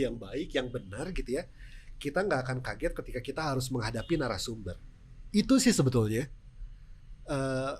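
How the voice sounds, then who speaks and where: A man with a mid-range, darkish voice and a Sundanese accent, a native Sundanese speaker, talks casually in an interview about his work as a presenter, acting out examples. He is a television news presenter appearing as a podcast guest. There is slight background noise.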